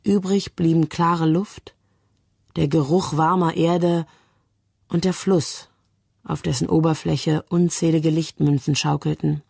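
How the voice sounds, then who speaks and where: A woman narrating an audiobook in an even, measured way, with a husky voice. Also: low-pitched, dry recording, clean studio sound.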